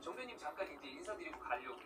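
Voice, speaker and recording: A man's voice: on the high side, very animated, rapid-fire, distant mic, background noise. A man hosting his own video, chatting casually about football while chewing a mouthful of food, explaining things and tossing rhetorical questions to viewers. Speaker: vlog host.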